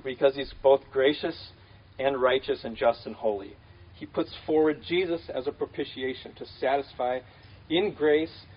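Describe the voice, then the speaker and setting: A man's voice: mid-range voice, lo-fi sound, a little hiss or hum. A man preaching a conversational sermon, casual and full of fillers, repeating key phrases.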